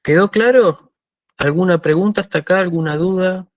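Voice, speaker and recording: A man with an Argentine Spanish accent giving a university lecture, explaining patiently and often checking "¿sí?", slowing down to spell out forms. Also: high voice, no room sound, muffled recording. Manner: explanatory, checks understanding with frequent "¿sí?"; slows to spell out Greek forms. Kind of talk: online lecture.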